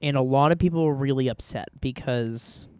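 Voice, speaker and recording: A man's voice: mid-range voice, moderate pace, darkish tone, clean tone, no echo, clean studio sound. A man co-hosting a casual podcast, reading sponsor spots and laughing easily. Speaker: podcast co-host.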